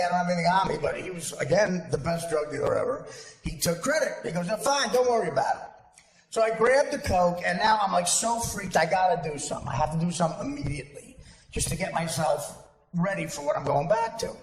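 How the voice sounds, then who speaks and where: Animated, high-voiced male comic. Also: creaky. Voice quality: animated, profane, self-mocking storytelling. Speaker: comedian. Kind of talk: stand-up storytelling to a live audience. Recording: echoey hall with background noise.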